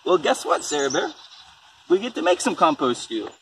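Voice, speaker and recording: Reading a picture book aloud, a man chats casually and explains composting simply to a small child, asking questions as a parent might. His high, gravelly, slightly bright voice swings hugely in pitch at a moderate pace. The mic is far off, and faint background noise can be heard.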